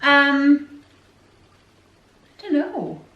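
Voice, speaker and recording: This forties vlogger, who grew up in Scotland, chats through viewer questions at home, wandering off topic and cutting herself off mid-thought. She speaks extremely slowly in a high, very animated, sharp-toned voice. The lo-fi audio was captured from far away in an echoey room.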